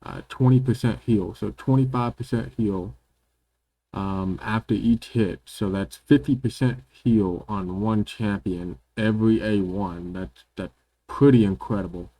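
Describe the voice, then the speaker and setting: A man hosting a gaming video, giving relaxed, casual commentary while he plays at his computer at home, filling pauses with lots of ums and repeating words. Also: fairly low pitch. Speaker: gaming channel host.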